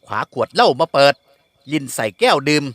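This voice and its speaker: A man reading a classic novel aloud with expressive storytelling. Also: a little high, fairly quick, no echo. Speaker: audiobook narrator. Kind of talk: scripted novel narration.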